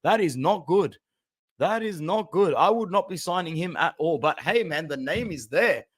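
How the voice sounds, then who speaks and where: Excitable young man on stream. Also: fairly high pitch, moderate pace, breathy edge. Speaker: football fan channel host. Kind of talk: casual live-stream commentary.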